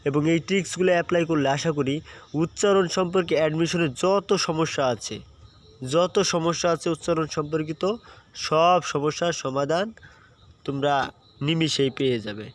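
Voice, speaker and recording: A man's voice: a little high, fairly even intonation, normal speed. Male tutor, patient teaching tone. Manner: patient, repeats points, frequent "হ্যাঁ" checks. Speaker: admission tutor. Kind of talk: online exam-prep lesson.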